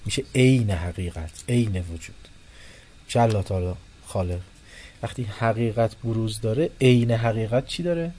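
A man giving a religious philosophy lecture to a class, animated, moving between soft and loud and acting out the people he quotes. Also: on the low side. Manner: animated, shifting loudness, quotes and acts out people.

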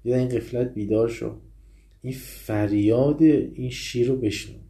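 A man lecturing on classical poetry. He chants the verses slowly and explains them in quick, casual speech. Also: mid-range voice, warm tone.

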